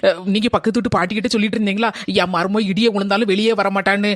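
A performer voicing a sharp-tongued young daughter-in-law in a cartoon, talking with mocking, sarcastic asides. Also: mid-range voice, fairly even intonation, racing, dry recording, close to an everyday voice. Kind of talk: cartoon voice acting.

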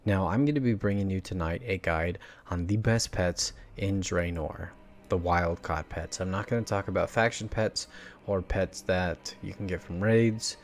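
A man hosting a casual video game guide, talking quietly as if not to wake anyone at night. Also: deep voice, normal speed. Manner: quiet, held-back late-night voice. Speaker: gaming guide host.

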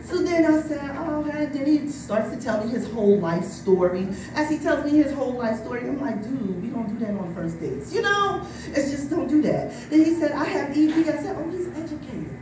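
A woman in her forties from New Jersey performs a bawdy stand-up set in a brewery taproom, frequently asking "you know what I mean?" Her voice is high, expressive and brisk, with barely any pauses. A distant camera in the crowd captured it, so the sound is echoey and far off, with audience noise.

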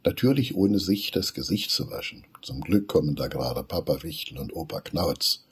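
A man narrating a children's story, reading aloud with animated delivery. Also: very deep voice, moderate pace, husky.

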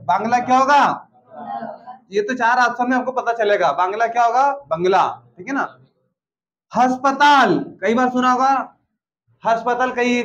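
High-voiced man drilling a lesson. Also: fairly bright tone. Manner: asks questions and answers them himself; drills with frequent "ठीक है ना" check-ins. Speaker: exam-prep teacher. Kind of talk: classroom-style lesson.

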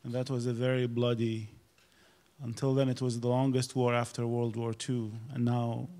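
An older man from Iraq, a poet speaking thoughtfully on an auditorium stage panel into a handheld mic, with halting restarts. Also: mid-range voice, level tone, mellow. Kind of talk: reflective panel discussion.

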